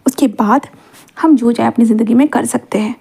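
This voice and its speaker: High-voiced woman telling a rambling story. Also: a little fast, creaky, mellow, breathy edge, rough recording. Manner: rambling, mixes English words into speech. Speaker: fan fiction narrator. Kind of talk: casual storytelling narration.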